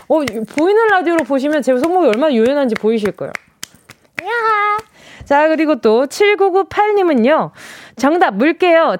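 A high, bouncy female radio DJ hosting a listener quiz from the studio. Her voice swings widely as she reads messages and mimics the sounds they describe. The sound is close and dry, with no room echo. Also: darkish tone. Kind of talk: radio call-in quiz chat. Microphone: studio microphone.

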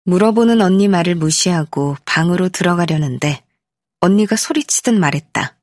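Low-voiced woman reading an audiobook. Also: no echo. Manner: measured, expressive reading. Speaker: audiobook narrator. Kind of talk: first-person literary audiobook narration. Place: recording studio. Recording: dry studio.

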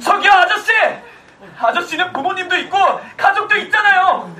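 Young guy acting out a desperate orphan kid, high bright voice, lively, kinda distant. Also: moderate pace, roomy sound, full character voice. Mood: pleading. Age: young adult. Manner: earnest, pleading, raising his voice. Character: 19-year-old orphan student, stubborn and pleading.

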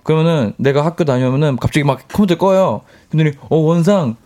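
A man's voice: a little high, quick pace, darkish tone. A man chatting casually as a radio guest and telling anecdotes.

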